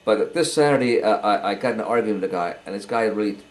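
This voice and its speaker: An older man giving a halting, earnest personal testimony, often repeating words as he goes. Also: lowish voice, rough recording. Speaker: interviewee.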